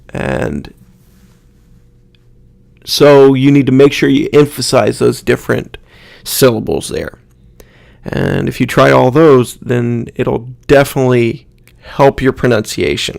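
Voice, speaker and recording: A man explaining pronunciation in a lesson, saying example words slowly and repeating them. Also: medium pitch, gravelly, darkish tone, dry recording. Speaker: Spanish pronunciation teacher. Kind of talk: instructional explanation with spoken examples.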